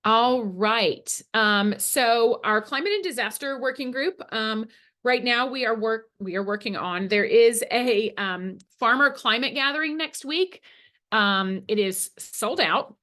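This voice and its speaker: A woman's voice: fairly high pitch, unhurried, pushed and bright. A woman giving a hesitant working group update at an online meeting, with many fillers.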